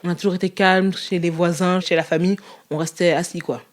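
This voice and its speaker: A young woman in a casual interview, talking candidly in a quick, lively way and laughing often. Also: lowish voice, noisy background.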